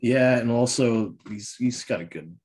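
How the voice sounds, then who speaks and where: A man co-hosting a casual podcast chat, laid-back and quick to laugh. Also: medium pitch, a little mellow. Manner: laid-back, laughs often, jokingly plays a brash wrestler. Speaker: podcast co-host.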